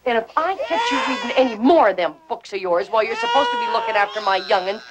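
A shrill scolding farm wife. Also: female voice, very animated, fast, very noisy. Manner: shrill, scolding, rural dialect. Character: harsh overworked mother, scolding and sharp-tongued.

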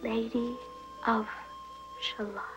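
A woman's voice: a little high, little pitch movement, slow, over music. An actress playing an imaginative orphan girl who speaks earnestly in formal, wordy phrases. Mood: reciting softly.

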